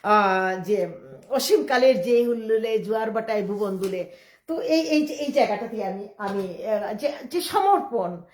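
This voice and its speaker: A middle-aged woman from Bangladesh, speaking in a rambling live-stream monologue. She talks quickly and emphatically, often defiant, with many restarts. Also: mid-range voice, animated, darkish tone. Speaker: livestreamer. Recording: echoey room.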